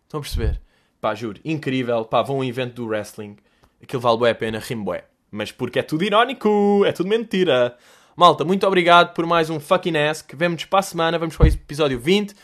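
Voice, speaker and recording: A man's voice: a little high, quick pace, a bit bright. A young man with a European Portuguese accent hosts a podcast in a casual comic monologue. He swears freely and breaks into voices and mimicked music. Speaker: podcast host answering listener questions.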